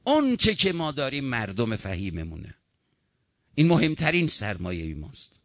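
A man's voice: medium pitch, wildly swooping pitch, a bit bright, no room sound. A man preaching a sermon, impassioned, his voice rising and falling.

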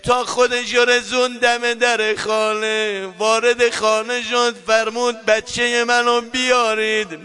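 A man's voice: extremely high pitch, flat delivery, few pauses, sharp tone, clear, resonant tone. A man leading a chanted religious mourning recitation. He moves between sung lament and spoken storytelling, and he speaks straight to the listeners.

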